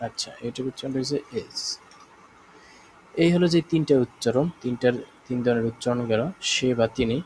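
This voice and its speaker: This is a live online German lesson given by a man with a Bangladeshi Bengali accent, who speaks slowly, repeats himself, and checks in often to be sure his students follow along. He has a mid-range, somewhat mellow voice. The recording is low quality, with a slight hiss or hum.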